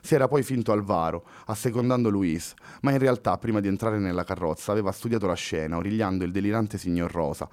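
A man narrating a novel in a steady, measured audiobook reading. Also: lowish voice, no echo.

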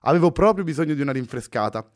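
A man's voice: fairly high pitch, expressive, rapid-fire, pitched above the performer's own voice, lightly acted. A man reading as a polite young woman. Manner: polite, formal questions. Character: young woman, curious and cautious.

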